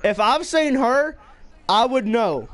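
A man's voice: very high-pitched, expressive, slow pace, a bit bright. A teenage boy streaming a game, chatting loosely with friends and laughing often.

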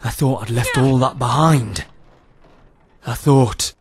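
A man's voice: mid-range voice, slow, a little hiss or hum, natural voice. A man playing a haunted, defiant warrior in a fantasy game, speaking with brooding, dramatic intensity. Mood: shaken, brooding. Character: haunted, defiant male warrior in heavy armor. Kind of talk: fantasy game character acting.

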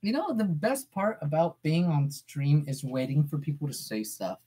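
Low-pitched, warm, and a bit breathy, this voice actor talks at normal speed with lots of expression during a casual livestream. Her banter is playful and profane, full of jokes and silly voices.

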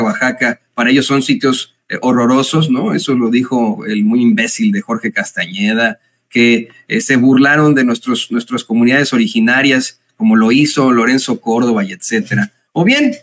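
A Mexican man with a Mexican accent offers indignant, mocking political commentary, often pausing with hesitant fillers. His voice is medium-pitched and a bit bright.

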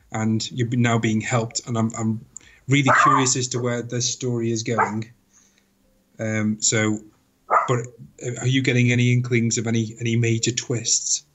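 A man's voice: mid-range voice, noisy background. A man co-hosting a casual game discussion, thoughtful and given to stammering restarts. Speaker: podcast co-host.

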